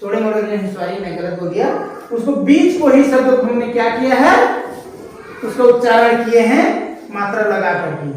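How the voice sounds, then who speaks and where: A woman teacher drills a classroom phonics lesson, firing questions at the class and echoing their answers. Her voice sits a little high. It rings around a bare room and comes from well back from the mic, with a faint hiss beneath. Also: expressive, moderate pace, darkish tone. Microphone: distant camera mic. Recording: echoey classroom from far off.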